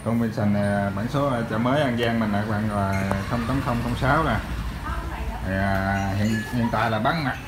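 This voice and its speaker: Low-voiced southern Vietnamese salesman, noisy recording. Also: moderate pace. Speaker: used motorbike shop salesman. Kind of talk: casual sales walkaround vlog. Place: tiled motorbike showroom. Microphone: handheld phone behind camera. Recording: noisy handheld recording with vehicle sounds.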